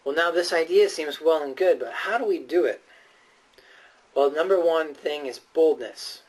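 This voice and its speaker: Heard at some distance from the microphone, a man delivers a prepared, sermon-style persuasive speech with earnest emphasis and frequent hesitation. His voice is a little high and moves at normal speed.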